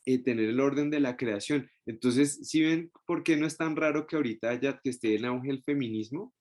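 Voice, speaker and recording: Male Bible study teacher, mid-pitched, stops and restarts a lot and keeps checking that the group follows. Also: normal speed, darkish tone. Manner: keeps checking in with the group with short tag questions; explains step by step with many restarts. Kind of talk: Bible study lesson with a shared screen.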